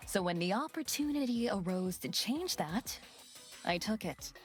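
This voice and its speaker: A woman's voice: medium pitch, lively intonation, measured pace, soft background music, close to an everyday voice. A woman voicing an aloof, cool-headed young female student who talks dryly. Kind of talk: game voice acting.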